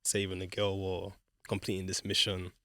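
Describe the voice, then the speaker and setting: A young man in his twenties, a podcast guest speaking softly and casually with some slang. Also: deep voice, monotone, moderate pace, dry recording, clean studio sound. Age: 20s. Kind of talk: casual group chat.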